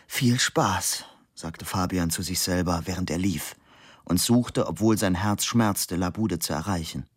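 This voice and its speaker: A man reads a novel aloud in measured, steady narration. His voice is on the low side, recorded completely dry and close to the microphone. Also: no room sound. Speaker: audiobook reader. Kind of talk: scripted literary narration.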